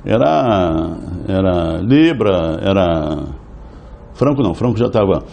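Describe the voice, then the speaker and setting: A man's voice: sits low, animated, takes it slowly, vocal fry, mellow. A man answering interview questions as a company insider, hesitant, with many restarts and tag questions.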